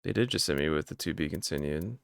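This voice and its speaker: A man's voice: rumbling low, expressive, quick pace, creaky, clean tone, no room sound. A man streaming a video game with casual, informal commentary, muttering reactions as he goes. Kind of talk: casual live gameplay commentary.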